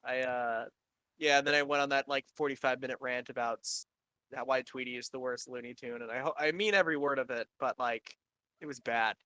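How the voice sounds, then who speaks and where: A Canadian podcast host in his twenties, his voice high-pitched for a man, rambles through a casual chat full of swearing and quick laughs. His tone is steady and sharp, and the sound has no echo.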